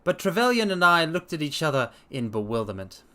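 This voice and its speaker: A male streamer gives a dramatic story reading, addressing listeners in a theatrical, grandiose way. His slightly high voice is sing-song and sharp, moving a little fast through scripted narration broken by theatrical asides.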